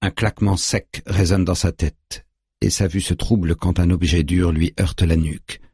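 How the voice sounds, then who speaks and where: A man narrating an audiobook in a grave, measured way, recorded on a close studio mic. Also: low-pitched, level tone, a little mellow, husky, no room sound.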